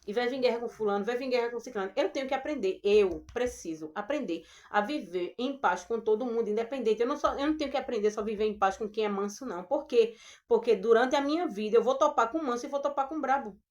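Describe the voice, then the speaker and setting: A woman with a Brazilian Portuguese accent giving a gentle, earnest devotional Bible talk, addressing her listeners as sisters. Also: on the high side, fast talker. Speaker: preacher.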